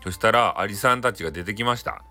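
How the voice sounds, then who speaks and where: A man's voice: fairly low pitch, fast talker, bright, forceful tone, soft background music. A man with a Hakata accent telling a bedtime folktale in a chatty, folksy way, often addressing his listeners. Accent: Hakata dialect. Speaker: storyteller.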